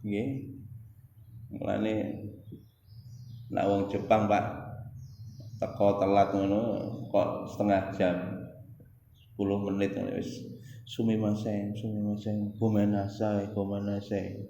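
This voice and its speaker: A man's voice: lowish voice, completely flat delivery, takes it slowly, pauses often, warm tone, highs cut off, slight background noise. A man with a Javanese accent preaching a sermon, chatting with the congregation and chanting verses in between. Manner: mixes Javanese into Indonesian, addresses listeners as "Pak", chants Quran verses. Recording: echoey hall, long reverb.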